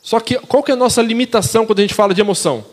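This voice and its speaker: Rapid-fire and high-voiced, a young man with a Brazilian Portuguese accent delivers a casual sermon in a church hall where sound trails off in long reverb. He chats with the congregation in slang and keeps asking them questions.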